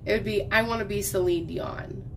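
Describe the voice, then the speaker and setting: A crafting vlogger in her thirties chats casually at an indoor craft table while diamond painting, rambling from thought to thought. She is recovering from a lost voice and coughs. Her medium-pitched voice is creaky and fairly bright at normal speed, with slight background noise.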